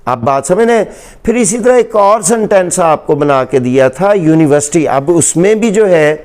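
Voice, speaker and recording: A man's voice: on the high side, lively intonation, darkish tone. A man with a Pakistani Urdu accent teaching English grammar in a lecture, patiently repeating examples and asking rhetorical questions.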